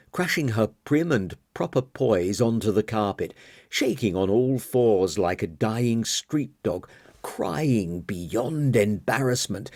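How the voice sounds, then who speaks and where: A man narrating a novel as an audiobook in a dramatic, expressive reading. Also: medium pitch, no room sound, studio quality. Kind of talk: scripted narration.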